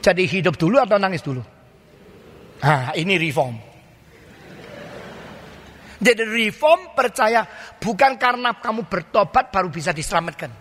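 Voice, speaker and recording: A man's voice: high voice, animated, normal speed, pauses often, fairly bright tone. An older male pastor with an Indonesian accent, preaching a sermon full of rhetorical questions, mock dialogues and colloquial asides. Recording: long hall reverb.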